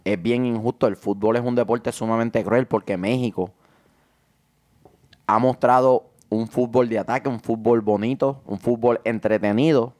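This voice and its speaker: A man's voice: mid-range voice, steady tone, normal speed, a little mellow. A man hosting a casual football chat, making emphatic arguments. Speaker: podcast host. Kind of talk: casual sports talk.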